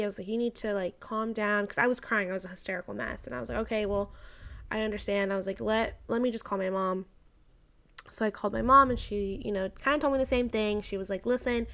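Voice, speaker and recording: On the high side and a bit bright, this woman's voice carries a chatty personal story from a vlogger in her twenties. She fills it with "like" and reenacted dialogue, with emotional moments and the odd laugh.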